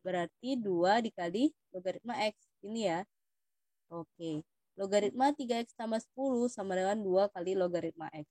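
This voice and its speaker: A woman's voice: medium pitch, moderate pace, warm tone, no room sound. A young woman with an Indonesian accent, patiently explaining math test questions to students as a tutor. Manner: patient, addresses students as "Dik".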